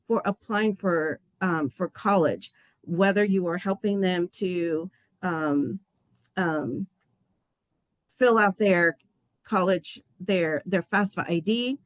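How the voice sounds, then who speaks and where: A woman's voice: mid-range voice, dry recording. A woman giving heartfelt welcome remarks at a webinar as an agency official. She speaks earnestly and passionately, and often loses her place and restarts.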